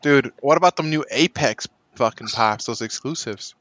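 Dude rambling on a podcast, mid pitch, dry close sound, swears a lot. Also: male voice, normal speed, fairly bright tone, no room sound. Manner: rambling, swearing banter with friends. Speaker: podcast co-host. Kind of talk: casual chat.

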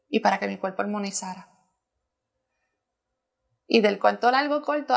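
A woman's voice: mid-range voice, gravelly. A woman sharing a personal testimony as a church planter in conversation, earnest and emotional, often restarting her sentences.

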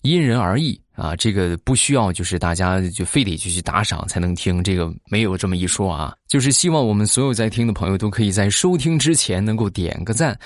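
A man with a fairly low voice tells comic anecdotes to his listeners in a chatty, easygoing way. He keeps tossing in little tag questions and drawn-out particles. The sound is dry and close, with no room echo. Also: expressive. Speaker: podcast host.

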